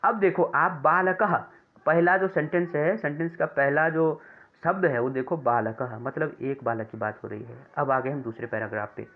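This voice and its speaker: A man teaching a grammar lesson to children, speaking slowly, repeating words and correcting himself as he goes. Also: fairly high pitch. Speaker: Sanskrit teacher. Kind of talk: classroom lesson explaining grammar. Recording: tinny phone-like sound.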